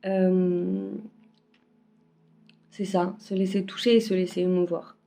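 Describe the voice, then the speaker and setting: Woman card reader, casual forecast, halting with fillers, mellow tone, phone-recorded. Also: lowish voice, level tone, gravelly. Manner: hesitant, many fillers and restarts. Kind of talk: casual weekly energy forecast. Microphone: phone camera.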